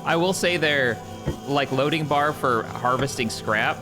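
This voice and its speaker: Over music, a man with a mid-range voice streams a game live at an unhurried pace. His commentary is casual: he chats, reads on-screen prompts aloud, and answers his chat.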